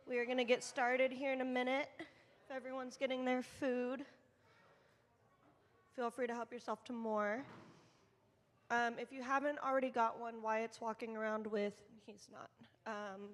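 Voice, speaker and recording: A woman's voice: fairly high pitch, steady tone, a little slow, pauses often. Ministry leader type, woman briefing volunteers in a conversational way, with a long hall echo. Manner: informal and conversational, addressing a group. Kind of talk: leading a volunteer training session. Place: church meeting room.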